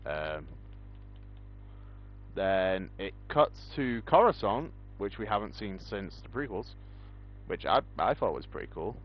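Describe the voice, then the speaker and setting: A young man with a fairly low voice chats loosely, filling gaps with ums as he goes. The recording sounds dull and lo-fi. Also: sing-song, measured pace. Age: young adult. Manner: rambling, many ums. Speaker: podcast host. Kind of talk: casual chat.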